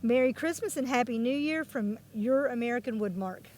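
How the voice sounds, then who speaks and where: Female co-announcer with a slightly high voice and a brisk, plain read. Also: darkish tone, a little hiss or hum, poor audio. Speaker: parade broadcast co-announcer. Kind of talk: reading sponsor greetings.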